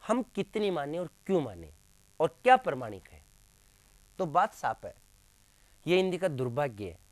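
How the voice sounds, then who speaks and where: This man's voice is on the high side and very animated, at a normal speed, in a dry recording. Lecturing his classroom, he asks questions only to answer them himself, hammers key terms through repetition, and speaks to listeners as friends.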